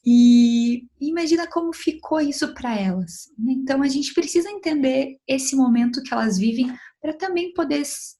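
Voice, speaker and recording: A young adult woman with a Brazilian Portuguese accent, speaking as a child psychologist in an online lecture for mothers. Her voice sits somewhat high, and she talks in a gentle, advising way, often checking in with tag questions.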